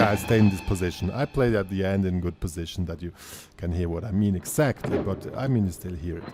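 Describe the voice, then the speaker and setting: Low-voiced male guitar teacher, chatty. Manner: chatty, self-deprecating, with frequent ums and restarts. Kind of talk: casual guitar lesson. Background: loud guitar playing.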